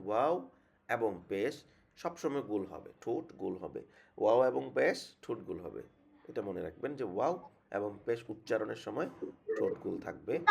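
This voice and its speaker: A man's voice: lowish voice, vocal fry, a little mellow. A man teaching a tajweed lesson, patiently repeating each sound many times as a demonstration. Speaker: Quran recitation teacher.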